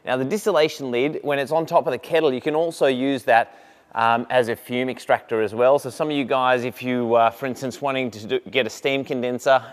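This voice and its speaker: A man with an Australian accent casually walking through brewing equipment in a workshop, with plenty of ums and uhs. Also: medium pitch. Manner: relaxed, with frequent ums and uhs. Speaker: equipment demonstrator. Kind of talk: casual product walkthrough. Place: large brewery workshop, indoors.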